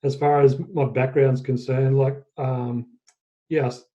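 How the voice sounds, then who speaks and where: Dark, flat-voiced Australian man. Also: mid-range voice. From Australia, central Queensland. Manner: halting, self-correcting storytelling. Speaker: guest, fitness business owner. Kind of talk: casual interview storytelling. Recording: dull lo-fi podcast audio.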